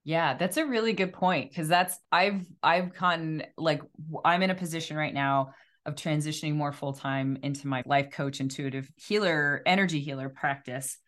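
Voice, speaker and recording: A woman's voice: low voice, normal speed, a bit bright. A woman talking casually and reflectively, rephrasing her thoughts informally as she goes. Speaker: life coach and energy healer. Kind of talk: casual conversational discussion.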